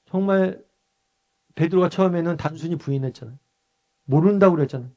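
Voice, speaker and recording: Teaching Bible study in a relaxed, conversational way, this Busan pastor asks the group questions, then answers them himself, raising his voice to act out short quotes. He speaks briskly with a fairly high, slightly mellow voice, and the sound is lo-fi.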